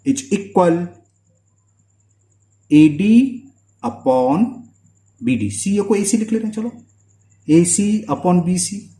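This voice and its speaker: A man teaches maths step by step, his pitch moving a lot as he keeps checking that students follow. His voice is mellow and a little high, and the room around him echoes. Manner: checks understanding often with quick questions. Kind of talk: board-work maths lesson.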